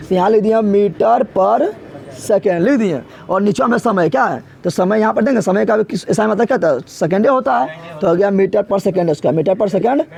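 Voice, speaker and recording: Male teacher giving an exam-prep physics lesson, high and raspy-edged, drills each term with a question and answers it himself. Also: a little mellow. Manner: asks a question then answers it himself, repeats key terms; casual, colloquial, addresses students directly.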